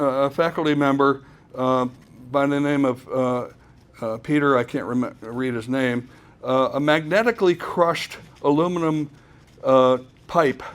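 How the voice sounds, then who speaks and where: This fairly high-pitched male presenter delivers an informal conference talk on a technical topic. His speech halts often, and he tends to repeat words mid-sentence.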